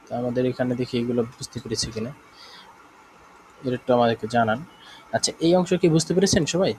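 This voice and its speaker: A man with a Bangladeshi Bengali accent teaching a live online German class, explaining slowly, repeating himself and often checking that students follow. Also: mid-range voice, expressive, darkish tone, slight background noise, rough recording.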